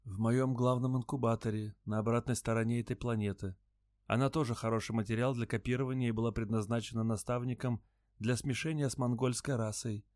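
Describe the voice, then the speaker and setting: A man voicing a timid robed alien creature who talks in a soft rustling whisper. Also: mid-range voice, steady tone, brisk, dry recording, studio quality, pitched above the performer's own voice, natural voice. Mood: fearful, hushed.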